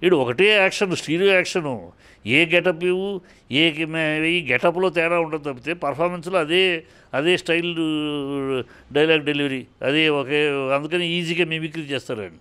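A man's voice: a little high, moderate pace, bright, forceful tone, clean tone. A man giving heated spoken commentary in an interview, scolding and indignant, firing off rhetorical questions and often restarting his sentences.

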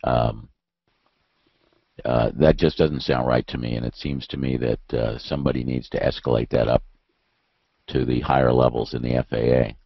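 A man presenting a webinar on aircraft maintenance, his voice raspy from a bad cold, speaking hesitantly with many restarts. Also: a bass voice, fairly even intonation, normal speed, pauses often, no room sound, lo-fi sound. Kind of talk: webinar answer, explaining.

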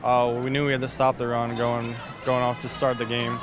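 A young college football player answering plainly into a handheld mic on the field at night. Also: male voice, medium pitch, completely flat delivery, fairly quick. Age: young adult. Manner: plain, matter-of-fact answers. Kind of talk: postgame interview. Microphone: reporter's handheld mic. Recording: loud music bed under the interview.

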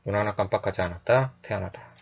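A man teaching English phrases in a calm, explanatory lecture, repeating each phrase slowly and often adding a short "yes". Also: lowish voice, vocal fry, muffled recording.

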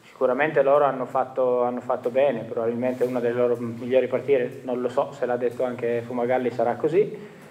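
At a post-match press conference in a stadium press room, a football coach in his forties talks into a table microphone. He is measured and reflective, frequently restarting, with a mid-range, flat, slightly mellow voice on a rough recording.

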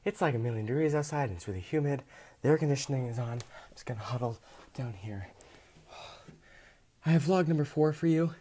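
A man's voice: mid-range voice, expressive, a little fast, pauses often, mellow, slight background noise. A young man chatting upbeat in a casual vlog from a small bedroom, with lots of ums. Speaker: vlogger.

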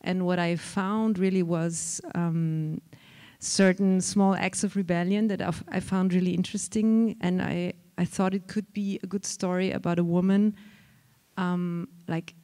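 A middle-aged woman talks into a handheld mic on a big theater stage. Her voice sits a little low and sounds mellow and warm. She speaks thoughtfully, pausing often with fillers. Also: little pitch movement. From Austria. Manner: thoughtful, reflective, many pauses and fillers. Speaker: film director. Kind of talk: festival panel talk.

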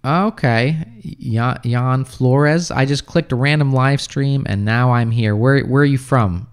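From a small room at home, a man in his thirties who grew up in America hosts a relaxed English-teaching stream, tossing off answers to viewer comments with lots of fillers. His tone is clear and resonant, his pace measured, and a close boom-arm studio mic picks him up.

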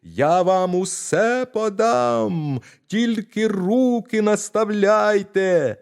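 A man voicing a tiny, brave and cheeky boy who shouts in a high, thin voice in an audio fairy tale. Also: lively intonation, slow pace. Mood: shrill, cheeky.

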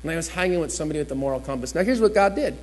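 A New Jersey man with a fairly high, gravelly voice preaches a sermon as a chatty personal story, slipping into the voices of the people he quotes. He's animated and racing.

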